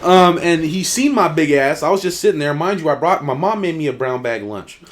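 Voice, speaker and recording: A young man, a college football player, co-hosting a casual podcast and telling stories in slangy talk, acting out quotes with big jumps in pitch and loudness. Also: lively intonation, brisk. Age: young adult. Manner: slangy, swears freely.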